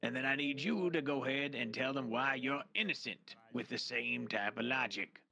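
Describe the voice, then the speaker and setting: Man, roleplay judge, gravelly, very bright edge, brash, profane, commanding. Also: medium pitch, moderate pace. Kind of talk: game roleplay in character.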